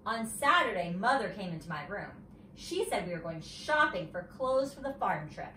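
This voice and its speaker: A female teacher reads a children's story aloud expressively, adding chatty asides, in a medium-pitched, sing-song voice with a sharp tone and a moderate pace. She was recorded from a distance in an echoey room, with faint noise.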